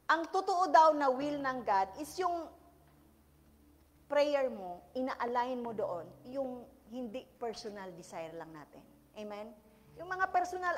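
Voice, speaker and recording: A woman preacher giving a lively sermon in church, mixing in English and asking the congregation for an amen. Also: a little high. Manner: animated, switches between Tagalog and English, asks the congregation "Amen?".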